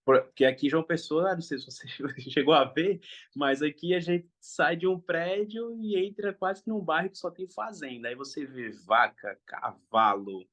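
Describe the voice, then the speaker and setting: A man's voice: fairly high pitch, moderate pace, fairly bright tone. A young man, a father, speaking in a casual interview in a hesitant, thoughtful way with frequent restarts.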